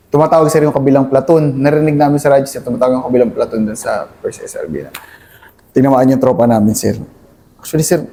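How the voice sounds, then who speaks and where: A young man, a Filipino soldier, recounts a battle in a halting interview, calling his listener sir at nearly every pause. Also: mid-range voice, mellow. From Philippines. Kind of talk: conversational war story interview.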